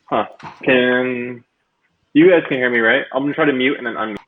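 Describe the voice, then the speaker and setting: A man's voice: medium pitch, brisk, slight background noise. A man hosts an online stream, his speech loose and chatty. His voice comes through a robotic, metallic-sounding mic, thin and phone-like over the call. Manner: loose and chatty, many fillers. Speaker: livestream host. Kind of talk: casual livestream hosting. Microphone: computer mic on a video call.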